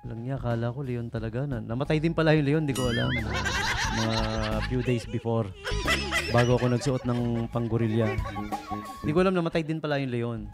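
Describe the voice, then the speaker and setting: A man's voice: mid-range voice, brisk. A man hosting a radio show, telling jokes in a playful, teasing way and chatting with listeners. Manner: playful, teasing joke-teller who chats with listeners. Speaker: radio DJ host. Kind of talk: joking storytelling on late-night radio. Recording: radio broadcast with a music bed.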